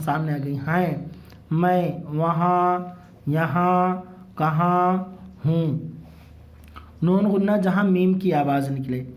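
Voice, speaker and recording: High-voiced man teaching a reading lesson. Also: mellow. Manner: asks and answers his own questions, repeats words slowly. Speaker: Urdu and Arabic reading teacher. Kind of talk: slow classroom-style reading lesson.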